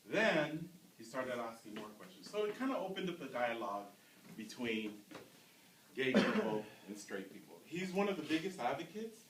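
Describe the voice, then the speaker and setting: A man telling stories to a youth class as a community speaker, often asking the audience questions. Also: fairly high pitch. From United States. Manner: storytelling, asks the audience questions. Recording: roomy, from a distance, faint noise.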